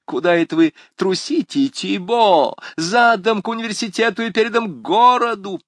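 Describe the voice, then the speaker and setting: A man voicing a rowdy young male student who shouts mocking taunts. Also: sits high, very animated, measured pace, no echo, clean studio sound, voice pushed up, heavily acted. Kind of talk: audiobook character voice.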